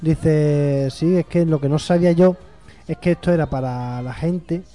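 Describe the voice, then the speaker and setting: Mellow man in casual chat. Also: fairly high pitch, a little slow, faint music behind. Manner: relaxed, chatty, quotes people while telling stories. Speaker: podcast co-host.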